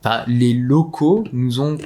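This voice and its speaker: A man co-hosts a podcast, musing in a loose, rambling way through casual conversation. He leans on slang and fillers. His voice sits at a middle pitch for a man. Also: a little slow, mellow. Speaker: podcast co-host.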